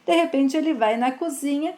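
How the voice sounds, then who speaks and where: A woman's voice: high-pitched, normal speed, warm tone. A woman casually retelling a soap opera episode, speaking of the characters with fond, pitying diminutives. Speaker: narrator of soap opera recaps. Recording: roomy echo.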